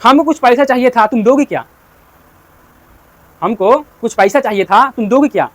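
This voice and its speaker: A man's voice: very high voice, moderate pace, a bit bright. A man voicing a sly village gambler who coaxes and wheedles for money. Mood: coaxing. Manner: coaxing, wheedling.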